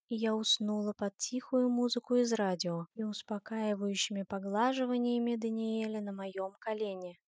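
A woman's voice: on the high side, a little mellow, no room sound. Woman reading a first-person novel. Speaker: audiobook narrator.

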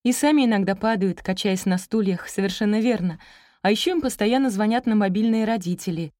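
A woman's voice: medium pitch, a little fast, mellow, no echo, studio quality, voice pushed up, natural voice. A woman voicing a flustered, eager young female teacher in an audiobook story, talking in a nervously cheerful, babbling way. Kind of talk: audiobook character reading.

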